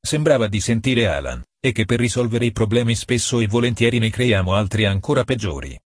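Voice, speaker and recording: Un uomo legge un audiolibro con tono calmo e misurato, voce bassa e leggermente roca. Il suono è asciutto e vicino al microfono, senza riverbero. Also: male voice, brisk, no room sound, clean studio sound. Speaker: narrator. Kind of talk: audiobook narration.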